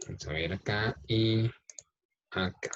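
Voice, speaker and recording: A male English teacher, explaining a workbook lesson slowly, step by step, and reading the exercises aloud. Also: fairly low pitch. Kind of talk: recorded class explanation. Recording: dull lo-fi recording.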